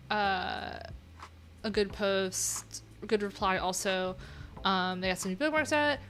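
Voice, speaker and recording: Over slight background noise, a woman with a medium-pitched, pushed, bright voice hosts a livestream, chatting casually and reading things aloud. She's a web developer, and her asides are wry, informal, and rambling.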